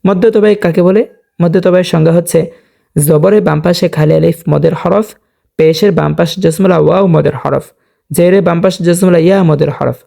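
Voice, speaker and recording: In a Quran reading lesson, a man spells the text out letter by letter, his voice gravelly, mellow, and on the high side. He slides into long, drawn-out recitation of the verses, then goes back to plain explanation, posing questions to viewers and answering them himself.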